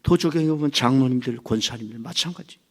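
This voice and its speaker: A male pastor preaching a sermon, dropping to hushed whispers and then rising into fervent shouting. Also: mid-range voice, fast. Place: church sanctuary.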